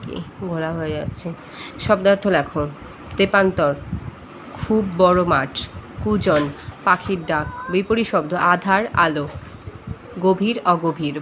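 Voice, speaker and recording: A woman's voice: mid-range voice, slight background noise, rough recording. A woman teacher with a Bengali accent, giving an online class and reading out question-bank answers, spelling out letters step by step.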